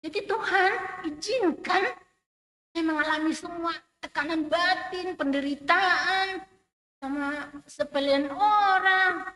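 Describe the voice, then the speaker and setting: Middle-aged woman, high-pitched, emotional church testimony. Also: takes it slowly, rough recording. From Indonesia. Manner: emotional, emphatic, rising and falling loudness. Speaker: church member giving testimony. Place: church sanctuary.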